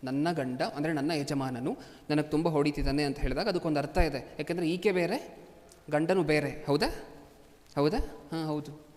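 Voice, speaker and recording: A man's voice: a little high, moderate pace, a little mellow. Man preaching in a reverberant hall. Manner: asks constant rhetorical questions of the audience. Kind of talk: sermon. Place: large hall before a congregation.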